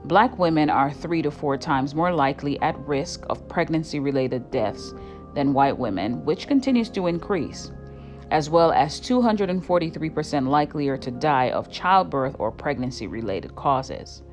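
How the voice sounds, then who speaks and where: A woman reading a serious scripted narration in a measured tone. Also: sits low, lively intonation, faint music behind. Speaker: commentary vlogger.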